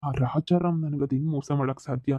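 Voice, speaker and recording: A man's voice: fairly high pitch, steady tone, a little fast, warm tone, dry recording, muffled recording, close to an everyday voice. A man voicing a middle-aged father in a cartoon, an ailing businessman who has been cheated, talking in a weary, regretful way. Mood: bitter. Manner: weary, regretful, speaks of lying down to rest. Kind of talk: cartoon voice acting.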